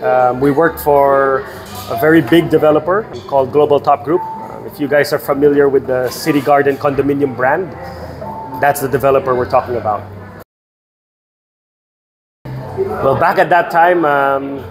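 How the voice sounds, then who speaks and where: A man from the Philippines, a real estate guest telling his story in a measured way with many fillers. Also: mid-range voice, fairly even intonation, music in the background, poor audio.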